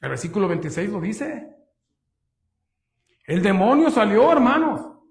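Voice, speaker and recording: A man's voice: high-pitched, big pitch swings, unhurried, vocal fry. A man, a pastor, preaching a sermon. He is emphatic, asks rhetorical questions and keeps addressing his listeners as brothers. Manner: emphatic, rhetorical questions, often says "hermanos".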